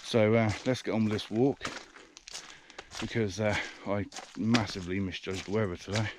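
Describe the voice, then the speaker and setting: A man's voice: fairly low pitch, fairly even intonation, moderate pace, noisy background. A British man vlogging a camera review while walking in the countryside, a little out of breath, rambling with lots of fillers, recorded on the camera's own mic. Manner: rambling, hesitant, many fillers. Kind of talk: casual walking vlog. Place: outdoors in the countryside, walking by a river. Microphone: action camera's built-in mic.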